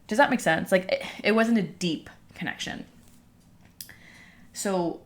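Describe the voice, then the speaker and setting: A woman's voice: mid-range voice, unhurried. A young woman telling a personal story casually and candidly, breathing heavily and out of breath, with lots of "like" as filler. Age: young adult. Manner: chatty, filler-heavy with frequent "like". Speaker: vlogger speaking to followers.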